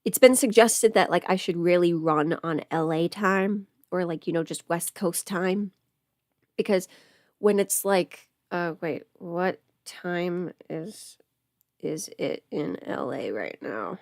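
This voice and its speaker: Her voice is lowish, slow and a little mellow, recorded at studio quality without any room sound. At home with covid, this livestream host and audio creator chats in a loose, rambling way, thinking out loud and breaking off mid-thought.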